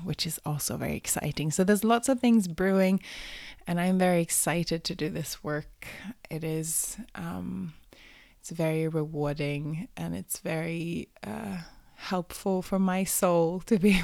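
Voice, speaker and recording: A woman hosting a podcast, talking softly and sometimes dropping to a near whisper between cheerful greetings. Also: on the low side, creaky, no room sound, studio quality. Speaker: podcast host. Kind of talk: podcast interview.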